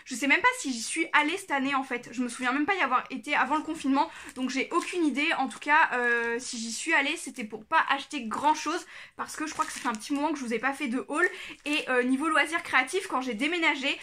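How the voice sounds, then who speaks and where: A woman's voice: high voice, fast talker, bright, forceful tone, slight background noise. A young woman chatting casually in a haul vlog, showing her finds with many fillers and small self-corrections. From France. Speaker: craft vlogger.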